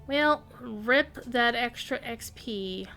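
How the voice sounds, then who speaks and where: A woman's voice: a little high, takes it slowly. A woman game streamer giving casual live commentary, musing and thinking aloud as she plays. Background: soft game music.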